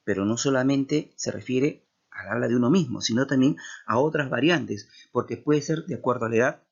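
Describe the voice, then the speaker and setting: A male teacher with a Peruvian accent walks his students through a lesson at a steady, explanatory pace. His voice is gravelly and somewhat husky. The recording sounds dull and lo-fi. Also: medium pitch, a little fast. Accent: Peruvian Spanish. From Peru. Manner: explanatory, with many tag questions. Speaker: language teacher. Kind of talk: classroom lecture.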